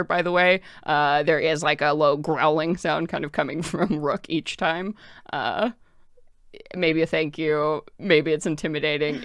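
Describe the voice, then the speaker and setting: A woman narrating a tabletop game as game master, improvising in a casual, excitable way with lots of filler words. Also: deep voice, clear, resonant tone, dry recording, clean studio sound.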